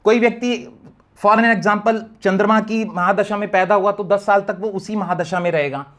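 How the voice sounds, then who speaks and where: A man with a notably high voice gives an earnest explanatory talk as an astrologer. He speaks to his viewers as friends and keeps mixing English terms into his points.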